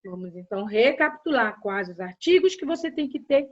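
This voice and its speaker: A woman teacher with a Brazilian Portuguese accent, giving a grammar lesson and talking straight to her students in a slow, deliberate way. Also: a little high, animated. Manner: slow, deliberate explanation addressing students directly. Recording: dull lo-fi audio.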